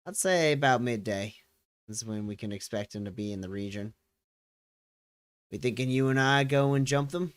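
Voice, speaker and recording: A man playing a folksy, world-weary, shrewd frontier character in a tabletop role-play, musing with pauses. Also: medium pitch, clean tone, lightly acted. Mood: musing, calm. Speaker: tabletop role-play player or game master.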